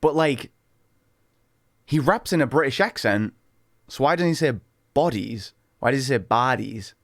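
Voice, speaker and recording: A man hosting a music reaction video, talking casually and excitedly, often tripping over his words as he rambles. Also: a little high, moderate pace, no echo, studio quality. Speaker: reaction channel host.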